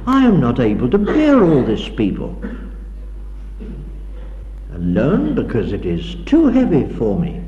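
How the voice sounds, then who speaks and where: On an old 1960s tape, a man reads scripture in a slow, mellow voice that swings widely in pitch as he declaims. The sound is dull and echoes with a long hall reverb. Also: wildly swooping pitch. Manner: dramatic, declaiming reading of scripture. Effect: old 1960s tape recording. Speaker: preacher. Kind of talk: sermon with scripture reading. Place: lecture hall.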